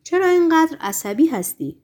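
A woman's voice: very high-pitched, very animated, a little mellow, voice pushed up. A woman voicing a menacing, bony-handed male demon henchman who speaks bluntly and commandingly in a storybook reading. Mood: brusque.

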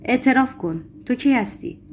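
A woman's voice: a little high, expressive, a little mellow, a little hiss or hum. A woman voicing a frantic young male poet. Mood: angry. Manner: raised, urgent, accusing delivery.

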